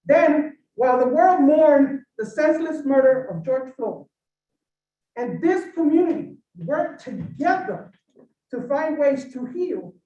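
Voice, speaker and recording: A woman's voice: high-pitched, expressive, slow, warm tone. A woman giving a firm, emphatic prepared statement to a county legislature, addressing the chair directly. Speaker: public commenter. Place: county legislature meeting room. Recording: roomy hall audio from a distant mic, dull.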